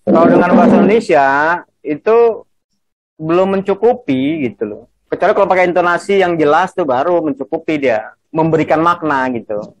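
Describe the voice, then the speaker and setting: A man's voice: a little high, brisk, dry recording. A man teaching a class on Quranic grammar over a video call, explaining patiently and checking in with his students.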